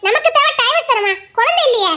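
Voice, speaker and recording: A woman putting on a super high-pitched nagging village mom, tirunelveli accent, scolds nonstop. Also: lively intonation, a little fast, sharp tone, heavily acted. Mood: mocking. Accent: Tirunelveli Tamil. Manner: scolding, mocking. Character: scolding rural mother, sharp-tongued older woman.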